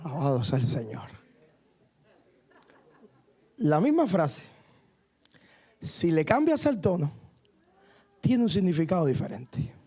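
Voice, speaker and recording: A man's voice: a little high, very animated, slow pace, pauses often, mellow, slightly rough. A male pastor preaching a sermon in a church, fervent and punctuated with frequent hallelujahs. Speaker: guest pastor. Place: church sanctuary.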